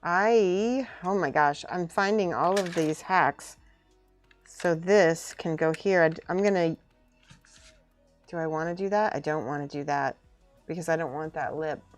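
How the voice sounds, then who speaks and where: A woman with a slightly low voice talks casually to her live-stream viewers while she works with her hands. She thinks aloud in loose, informal remarks, often half muttering to herself. Music plays softly behind her. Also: a little slow. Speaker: streamer building and painting miniature models.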